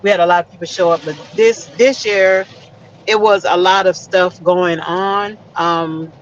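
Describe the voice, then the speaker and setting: A person from South Carolina with a light Lowcountry Geechee accent, chatting casually in a live group chat. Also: fairly even intonation, measured pace. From South Carolina Lowcountry, United States. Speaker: chat host. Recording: muffled audio with faint vehicle noise.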